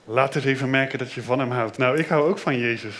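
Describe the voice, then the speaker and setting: A middle-aged man leading a children's church service, lively, asking the kids questions. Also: medium pitch, fast talker.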